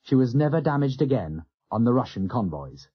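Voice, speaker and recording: Husky male audiobook narrator. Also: mid-range voice, sing-song, brisk. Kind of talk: scripted narration of a war novel. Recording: dull lo-fi audio.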